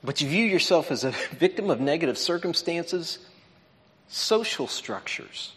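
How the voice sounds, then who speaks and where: A man with a slightly high, somewhat bright voice and big pitch swings preaches unhurriedly. His sermon lesson is conversational and explanatory, with check-ins with the listeners, and it rings with long reverb in a large auditorium.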